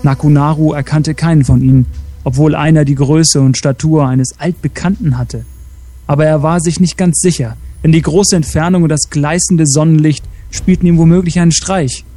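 A man reading a story aloud as co-host, steady with small slips and self-corrections. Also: on the high side, moderate pace, dry recording.

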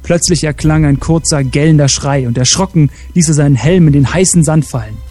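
Man reading a story aloud, mellow dark voice, a bit high, soft slips and corrections. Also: brisk, faint music behind. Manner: reads steadily, with small slips and self-corrections. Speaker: storyteller and co-host.

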